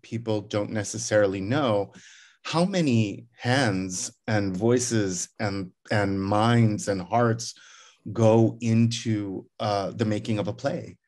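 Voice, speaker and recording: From his living room, a middle-aged theater director chats casually on a video call, slow and lowish-voiced with a darkish tone. His talk is reflective and meandering, full of restarts.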